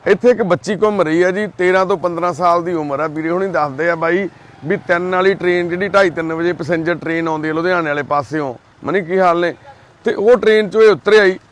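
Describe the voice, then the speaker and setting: Gentle man with a Punjabi accent. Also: high-pitched, fairly quick. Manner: gentle, coaxing and reassuring. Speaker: vlogger helping a lost child. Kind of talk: on-the-spot field vlog. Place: outdoors by a railway crossing at night.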